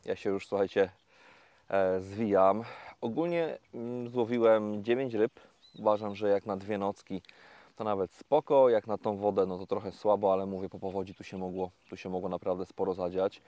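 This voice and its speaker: A man talking casually to viewers in a fishing vlog, explaining each step in a relaxed, chatty way with many fillers, recorded outdoors by a lake. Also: on the low side, normal speed. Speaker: carp fishing vlogger.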